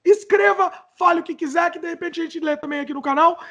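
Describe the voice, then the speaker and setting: A man's voice: very high voice, quick pace, creaky. A young Brazilian man hosting a podcast in casual chat, playful and jokey, mocking himself. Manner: energetic. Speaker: podcast host.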